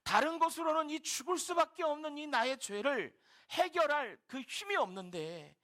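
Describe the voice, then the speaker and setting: A male pastor preaching a sermon, telling a story with lively delivery and dropping to a whisper for quoted lines. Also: extremely high pitch, moderate pace. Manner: animated storytelling, quotes characters in hushed whispers. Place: church sanctuary.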